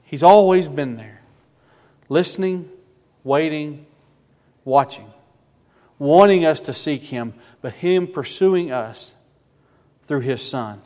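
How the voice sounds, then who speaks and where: A man preaching a sermon, earnest and emotional, with slow emphatic phrasing. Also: a little high, mellow, in a large hall.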